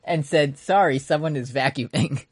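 A woman's voice: low-pitched, moderate pace, husky, no room sound. A woman co-hosting a podcast in casual comedic banter, joking and riffing. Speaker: podcast co-host.

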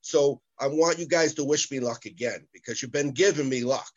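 A man's voice: medium pitch, moderate pace, highs cut off. A man chatting casually as a sports betting guest, heard over a video call. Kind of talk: casual chat.

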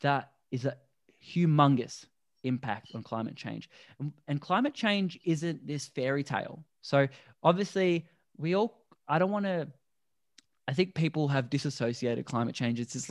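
A man's voice: medium pitch, dry recording. Earnest man, dry close sound. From Australia. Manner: earnest, explanatory, talks deliberately slow. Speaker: podcast guest, endurance athlete. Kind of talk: conversational interview.

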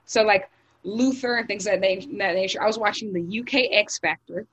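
A young American woman chatting casually on a podcast. She talks in long, loose runs packed with fillers and restarts, and her voice sits at a middle pitch. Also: a little fast, fairly bright tone, slightly rough, highs cut off. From United States. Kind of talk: casual group chat.

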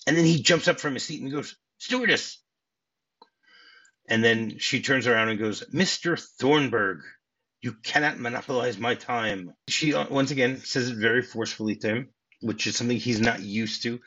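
A man's voice: mid-range voice, quick pace, fairly bright tone, slightly rough, dull audio. A man hosting a podcast, talking casually about a film scene, chatty and full of restarts. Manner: chatty, many restarts and laughs. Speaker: podcast host.

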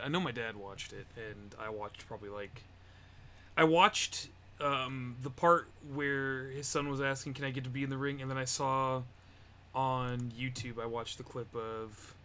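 A man's voice: medium pitch, slight background noise. A man co-hosting a podcast, chatting loosely and swearing as he tells wrestling stories. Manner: loose, profane, animated storytelling. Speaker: podcast co-host. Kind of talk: casual chat.

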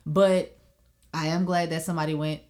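A young woman on a casual podcast, telling lively stories and acting out her relatives' voices. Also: low voice, moderate pace. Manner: animated storytelling, acts out relatives' voices; frequent "you know what I'm saying". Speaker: podcast co-host. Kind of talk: casual chat.

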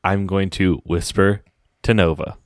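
A man's voice: low voice, steady tone, measured pace, no room sound, clean studio sound. A man playing a tabletop game in casual chat, full of playful jokes and asides.

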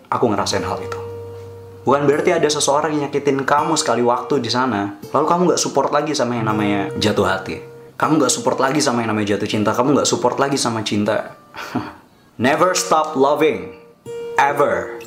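Chatty male vlogger, echoey room. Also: medium pitch. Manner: chatty and reassuring, switching between Indonesian and English. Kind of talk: casual talk to camera. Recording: echoey room with soft guitar music.

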